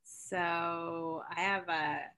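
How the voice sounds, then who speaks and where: A woman's voice: lowish voice, fairly even intonation, extremely slow, bright, forceful tone. A woman from Seattle, an interview guest and founder, talking earnestly with frequent fillers and laughs. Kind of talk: interview chat.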